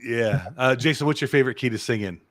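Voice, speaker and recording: A man hosting a casual interview, asking short, quick-fire questions. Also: mid-range voice, fairly bright tone. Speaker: interview host.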